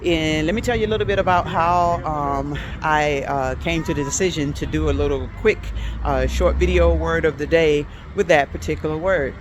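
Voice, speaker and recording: With a deep voice, a native English-speaking woman gives a casual language lesson on her vlog, standing outdoors in a city where faint traffic can be heard. She's talkative, though halting, with plenty of ums and uhs. She also switches back and forth between languages.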